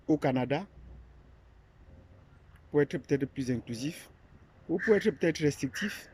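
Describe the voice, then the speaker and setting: Talking off the cuff about the platform he founded, a Cameroonian academic hesitates, uses lots of fillers and restarts. His voice sits on the high side with a darkish tone, and there is slight background noise.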